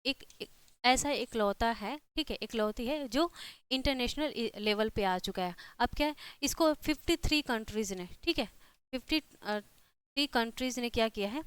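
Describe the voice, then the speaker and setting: Clear, high-voiced Hindi-accented woman teaching. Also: moderate pace, dry recording. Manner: repeats herself with constant "ठीक है" checks. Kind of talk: classroom lecture.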